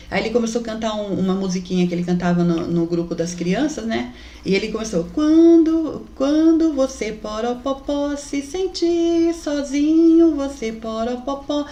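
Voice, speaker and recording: In an echoey, roomy space, a woman with a mid-range, somewhat mellow voice shares an emotional faith testimony as a mother. She addresses the listeners as brothers with fervor.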